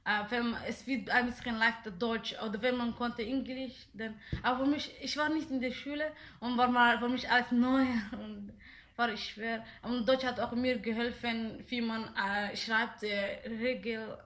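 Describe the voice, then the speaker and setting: A woman's voice: on the high side, steady tone, unhurried, fairly bright tone. Hesitant young woman. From Somalia. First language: Somali. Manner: hesitant, many fillers and restarts. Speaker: interviewee. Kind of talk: casual interview answers.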